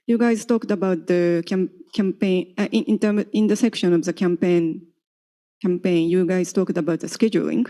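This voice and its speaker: A man giving spoken feedback on a presentation, halting with many restarts. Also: sits high, creaky, mellow.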